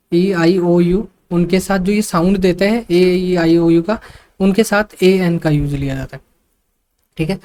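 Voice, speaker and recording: A man tutoring English grammar for exam students, explaining slowly and repeating his points with frequent fillers and English terms mixed in. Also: sits high, darkish tone. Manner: mixes English terms into speech. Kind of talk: online exam-prep lesson.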